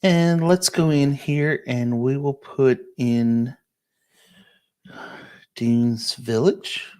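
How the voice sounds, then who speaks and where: A man's voice: medium pitch, fairly even intonation, very slow, darkish tone, smooth. A man, a real estate agent, giving a casual live-stream walkthrough of listings and answering viewer questions, checking in often with "okay?". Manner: casual, explanatory, many "um" and "okay?" check-ins.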